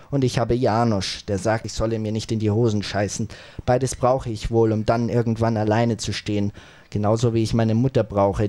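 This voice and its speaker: A man reads a first-person audiobook aloud in a calm, measured way. His voice sits in an ordinary middle pitch. He moves through the story in short phrases with small pauses between them. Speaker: audiobook narrator.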